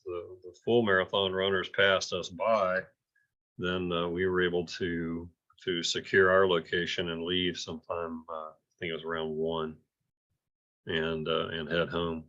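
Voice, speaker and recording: In dull, muffled audio, a man with a low, fairly bright voice reports informally to an amateur radio club in a flat delivery. His speech is halting and hesitant, with many repeated words.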